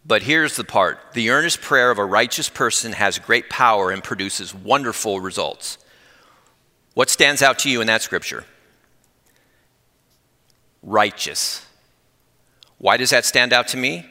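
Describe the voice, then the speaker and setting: A middle-aged man giving a conversational sermon with personal testimony, earnest and growing excited, speeding up when fired up. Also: medium pitch, measured pace, pauses often. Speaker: lay preacher. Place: church. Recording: long reverb in a church hall.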